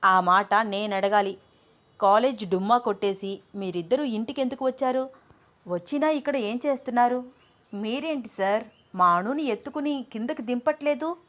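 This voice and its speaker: A nosy, blustering young man in an audio story barges in with loud accusations, as a woman narrator puts him on. His voice runs a touch higher and pushier than the narration. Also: normal speed, lightly acted. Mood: accusing.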